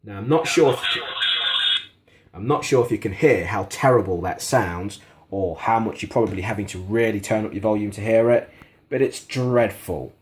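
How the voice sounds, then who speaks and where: A gadget reviewer stands in a kitchen, talking at normal speed in a fairly low-pitched voice. He walks through a product demo and gives a frank, critical take in an easygoing, conversational style.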